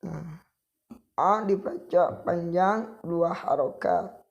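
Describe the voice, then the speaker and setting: A man from Indonesia teaching Quran recitation, patiently repeating syllables, contrasting right and wrong sounds, and chanting verses in a drawn-out way. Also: fairly high pitch, creaky. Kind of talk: tajwid recitation lesson. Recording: dull lo-fi recording.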